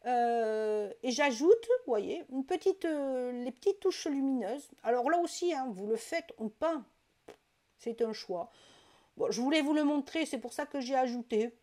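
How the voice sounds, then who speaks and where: A woman's voice: sits high, expressive, measured pace, warm tone. Chatty woman demonstrating coloring, hesitant. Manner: chatty, hesitant, many fillers and self-corrections. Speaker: coloring tutorial host. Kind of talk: casual step-by-step craft demonstration. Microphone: desk mic.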